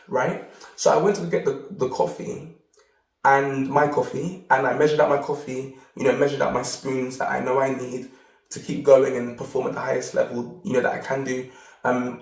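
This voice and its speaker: A man's voice: mid-range voice, gravelly, recorded from a distance. A man hosting a self-help video, telling a rambling personal story with lots of repeated words. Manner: rambling, repeats words, animated when quoting. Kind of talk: casual storytelling monologue. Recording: roomy, off-mic sound.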